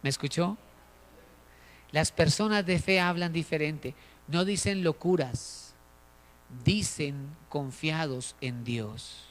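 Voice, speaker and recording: A man's voice: fairly high pitch, slow pace, long pauses, big-room sound. A man preaching a sermon as a pastor, calling his listeners brothers and pressing his points with rising emphasis.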